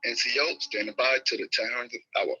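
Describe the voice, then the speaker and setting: Working as net control on a two-way radio, a man speaks in formal radio procedure and spells out letters phonetically. His medium-pitched voice is steady, bright and forceful, a little fast, and comes through lo-fi radio audio with a slight hiss or hum.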